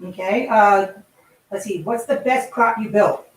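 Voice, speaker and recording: This woman speaks at medium pitch and a slightly slow pace while hosting a relaxed live stream via an in-ear microphone. Her delivery is loose, chatty, and heavy on fillers, captured with echoey room sound.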